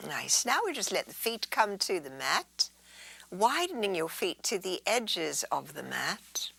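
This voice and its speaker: Guiding relaxation and gentle stretches, a female yoga teacher speaks soothingly and without hurry, sometimes slipping into breathy near-whispers. Her voice is on the low side and very animated, with no room sound.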